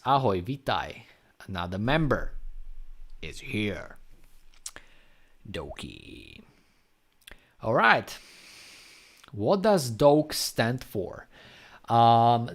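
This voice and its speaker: Slow-talking man with a Slovak accent. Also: medium pitch. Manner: unhurried, rambling, answering chat questions. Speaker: graffiti artist live streamer. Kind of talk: casual live stream chat.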